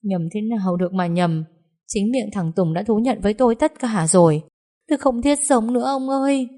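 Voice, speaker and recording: A woman's voice: mid-range voice, moderate pace, dark tone, close to an everyday voice. A woman voicing a grief-stricken older mother-in-law who wails and laments in an audiobook story. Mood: wailing despair. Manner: wailing, lamenting.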